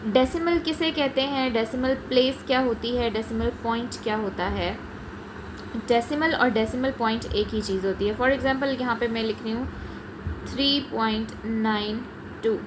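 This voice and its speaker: A woman's voice: high voice, noisy background. A woman math teacher, explaining a lesson step by step in a patient classroom manner, mixing English terms in. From Pakistan.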